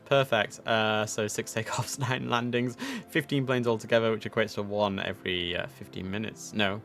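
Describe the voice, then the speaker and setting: Here a man with a fairly low, steady voice speaks at normal speed, with vocal fry and a slightly bright quality while faint music plays behind him. He's casually hosting a live stream of an air traffic control simulator, chatting and reflecting aloud.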